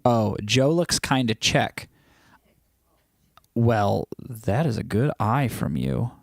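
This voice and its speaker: A man with a medium-pitched, sing-song voice hosts a casual livestream at a slow pace, teasing viewers as he reads their comments aloud. He rambles and restarts often. The recording is dry and studio quality.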